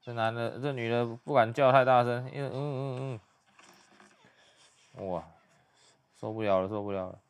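Young man, smooth clear voice, quiet muttered play-by-play reaction host. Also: medium pitch, steady tone, fairly quick. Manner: hushed, muttered running commentary.

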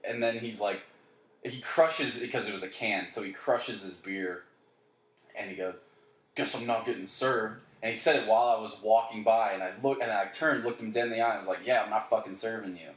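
Young man, low voice, lively storyteller who swears a lot, recorded in an echoey room. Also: a little fast. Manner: animated storytelling, swears freely, acts out quotes. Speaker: bartender. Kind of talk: casual chat.

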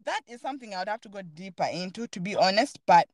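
A woman's voice: mid-range voice, animated, fast talker, no room sound. A woman hosting a podcast, talking earnestly and thoughtfully in a casual, reflective chat while searching for her words. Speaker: podcast host.

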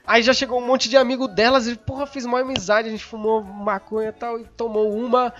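High-voiced stoned São guy. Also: a little fast, muffled recording, soft background music. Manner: excitable, swears a lot, loses his thread. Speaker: podcast host. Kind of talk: casual rambling storytelling.

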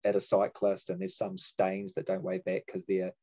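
A man co-hosting a podcast, chatting in a relaxed, enthusiastic way and swearing casually. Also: sits low, moderate pace. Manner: laid-back, sweary, enthusiastic. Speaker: podcast co-host. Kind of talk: casual chat. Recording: slightly dull sound.

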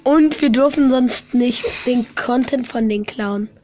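A woman co-hosting a home podcast, teasing and cutting in with quick remarks. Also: a little high, darkish tone, muffled recording. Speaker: podcast co-host. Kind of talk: casual chat.

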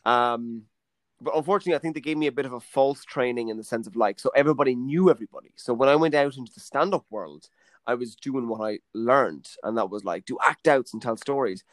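A man's voice: medium pitch, fast talker, no echo. A young man, a comedian hosting a casual chat, telling stories and acting out the voices of people he quotes. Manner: animated, acts out quoted voices. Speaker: comedian and podcast host.

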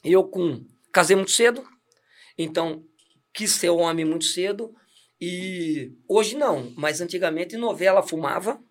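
A middle-aged deacon with a high voice speaks at a measured pace, sharing his life story as a casual testimony chat. He laughs easily and restarts his sentences often.

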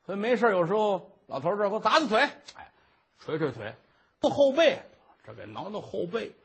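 Male storyteller, husky and animated. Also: sits high, fairly quick. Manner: animated, chatty. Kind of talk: traditional oral storytelling.

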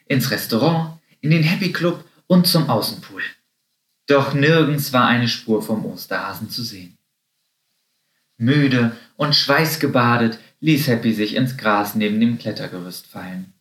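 A man narrating a children's story in a lively, expressive way. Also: mid-range voice, unhurried. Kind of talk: storybook reading. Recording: roomy echo.

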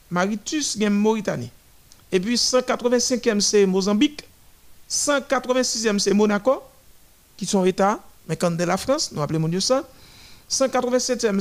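A man giving running commentary on a parade of nations, listing them one by one with halting restarts. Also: high-pitched.

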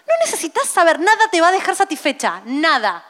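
A woman's voice: very high voice, a little fast, in a large hall. A woman in her late thirties with a Rioplatense accent, chatting casually and telling stories in detail as a podcast co-host. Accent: Rioplatense Spanish. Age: late 30s. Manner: chatty, animated storytelling. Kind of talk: casual chat.

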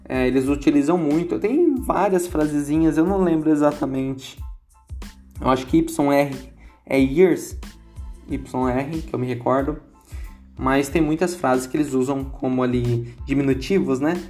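A man's voice: mid-range voice, a little slow, a little mellow, faint music behind. A man with a Brazilian accent giving a casual English lesson, chatty and repeating words aloud to show how they sound. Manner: chatty, repeats words to demonstrate pronunciation, asks "entendeu?". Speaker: English teacher.

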